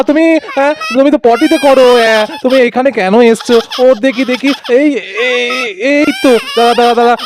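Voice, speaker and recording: Someone doing a fussing high-voiced cartoon dad. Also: male voice, noisy background. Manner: scolding then coaxing, repeats words. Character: worried young father in a puppet story. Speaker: puppet-story character. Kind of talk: cartoon voice acting.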